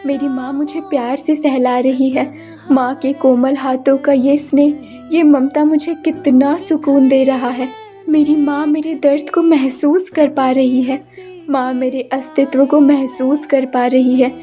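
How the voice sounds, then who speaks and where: A woman's voice: high-pitched, flat delivery, measured pace, warm tone, highs cut off, faint music behind. A woman voicing a sorrowful young woman trapped as a flower in a cartoon story, speaking in a wistful inner monologue.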